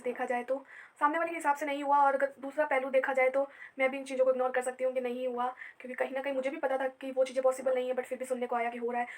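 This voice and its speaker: A young woman vlogging to camera, tired and upset after a sleepless night, telling the story chattily with many fillers. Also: high voice. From India. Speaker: family vlogger. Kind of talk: casual vlog storytelling to camera.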